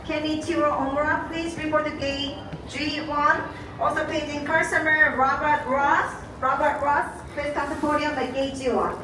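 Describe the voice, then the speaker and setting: A high-voiced woman makes a gate announcement over the airport intercom. She reads out names and directions. The voice carries through a very echoey hall from far off, with clear hubbub behind it. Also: level tone, moderate pace, background noise. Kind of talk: public address announcement.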